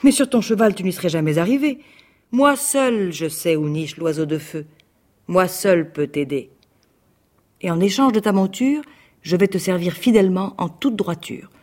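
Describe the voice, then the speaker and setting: Fairy-tale grey wolf, wise and gruff, put on by the storyteller, plain storybook reading. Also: mid-range voice, normal speed, darkish tone, natural voice. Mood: calm counsel. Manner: stern but kindly, scolding. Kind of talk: read-aloud fairy tale.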